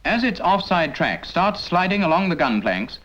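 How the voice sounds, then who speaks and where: A high-pitched, sing-song male voice with a slightly bright tone speaks at normal speed. The British narrator delivers a scripted 1950s military training film as direct instruction to the trainee, asking rhetorical questions in a didactic manner, on a dull 1950s soundtrack.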